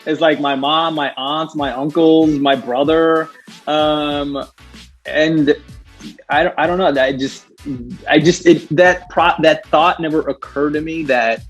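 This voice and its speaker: A man's voice: on the high side, steady tone, slow, soft background music. A young man talking as an actor guest in a casual interview, rambling with many restarts and frequent laughs.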